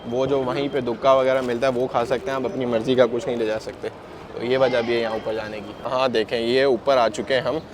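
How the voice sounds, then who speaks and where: With crowd noise around him, a man with a sore throat narrates his handheld travel vlog in a level, mid-range voice that runs a little fast. He calls his viewers brother while walking outside and inside a large, busy mosque extension, and the outdoor phone audio is noisy.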